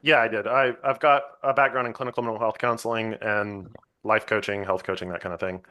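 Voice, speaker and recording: A man hosting a podcast in a relaxed, thoughtful way. His voice is bright and forward, and he muses on ideas before he lands them. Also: fairly low pitch, brisk. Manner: reflective, thoughtful, laid-back. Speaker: podcast host. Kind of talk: casual conversation.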